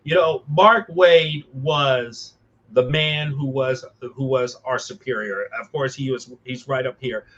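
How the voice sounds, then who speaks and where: A man with a mid-pitched voice on a dull, lo-fi recording. He hosts in an earnest, conversational style, halting and then restating phrases with emphasis. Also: fairly bright tone. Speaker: podcast host and ventriloquist.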